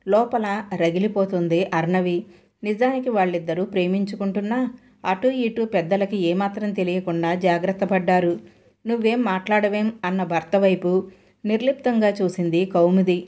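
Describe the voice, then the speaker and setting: A woman's voice: medium pitch, moderate pace, dark tone. A woman narrating a family story as an audiobook reader, voicing the dialogue expressively.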